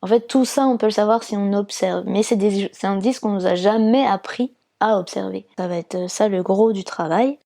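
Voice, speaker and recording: A woman from France explains her counselling work at an even, patient pace, going step by step and often pausing on fillers. Her voice is mellow and warm, with a gravelly edge of vocal fry. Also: medium pitch. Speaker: fertility awareness counsellor. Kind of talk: interview answers, explanatory.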